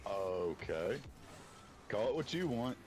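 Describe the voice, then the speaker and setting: A man with a bassy voice, chatting casually while gaming, laid-back and dryly teasing. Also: big pitch swings, takes it slowly, darkish tone, a little hiss or hum. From East Tennessee. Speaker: gamer.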